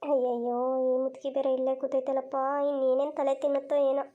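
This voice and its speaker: A woman's voice: high-pitched, level tone, quick pace, phone-quality sound, natural voice. A woman voicing a chatty, cheeky young village woman in a cartoon. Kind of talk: cartoon voice acting.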